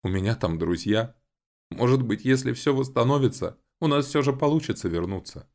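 A man's voice: on the low side, a little fast, a little mellow, voice pushed up, lightly acted. A man voicing an anxious, wistful young woman who pleads hesitantly, in an audiobook. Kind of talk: audiobook voice acting.

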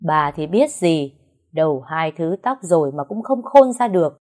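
A woman voicing a stern aging father who lectures his grown daughter in a firm, slow, measured way. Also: deep voice, expressive, darkish tone. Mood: scolding.

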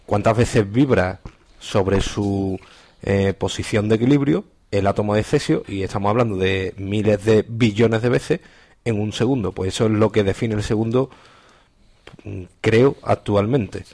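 A man's voice: on the low side, unhurried, a little mellow. A man co-hosting a podcast, explaining things thoughtfully with some hesitation. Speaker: podcast co-host. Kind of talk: casual chat.

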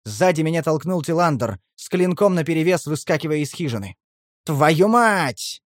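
A man narrates an audiobook in the first person with tense, driven delivery. His voice sits slightly high for a man. The recording is dry and close, with no room sound. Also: expressive, fairly quick, no echo.

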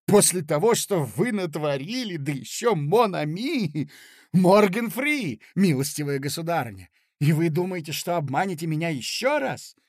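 A man voicing an enraged young gentleman suitor who shouts out slow, indignant outbursts in an audiobook reading. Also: on the high side, very animated, no room sound, clean studio sound, pitched above the performer's own voice. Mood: furious. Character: hot-headed young gentleman suitor, furious.

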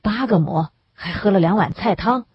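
A woman's voice: medium pitch, normal speed, breathy edge. A woman voicing a worried male camp team leader who coaxes and reassures a sick friend. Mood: reassuring. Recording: dull lo-fi recording.

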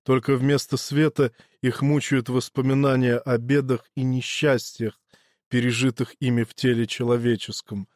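A man reading a first-person audiobook story in a steady, measured way. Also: medium pitch, no echo, clean studio sound. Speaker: audiobook narrator.

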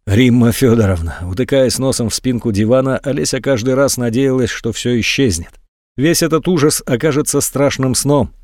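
A man narrating an audiobook in a measured, calm manner. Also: medium pitch, no echo, clean studio sound. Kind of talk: audiobook reading.

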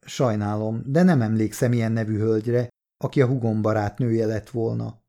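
A man's voice: on the low side, fairly even intonation, mellow, lightly acted. A man reading the part of a terse, guarded man who gives short, clipped answers, in an audiobook. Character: curt, guarded man abroad, baritone.

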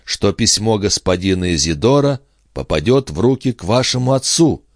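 A man's voice: fairly low pitch, lively intonation, moderate pace, dry recording, clean studio sound, pitched above the performer's own voice. A man doing a flustered young farmhand. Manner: flustered, eager to please. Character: awkward earnest big-handed young farmhand.

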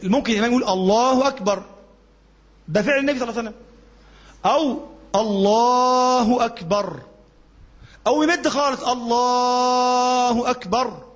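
Egyptian sheikh, high and quick, conversational teaching tone, muffled recording with lingering hall echo. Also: male voice. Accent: Egyptian Arabic. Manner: colloquial, asks the class questions and answers them, demonstrates chanting. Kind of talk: classroom religious lesson. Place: mosque classroom. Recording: dull lo-fi recording with long reverb.

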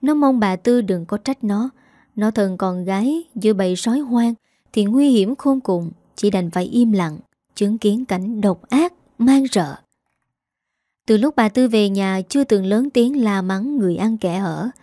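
A woman narrating a dramatic scripted story in a steady storytelling manner. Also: medium pitch, unhurried, dry recording, studio quality.

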